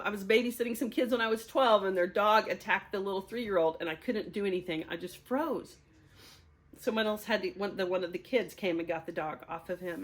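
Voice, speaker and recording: A woman in her fifties gives a personal testimony in a candid, openly emotional way. She often laughs through painful memories, and her voice sits at an ordinary, medium pitch. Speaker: speaker sharing a personal testimony.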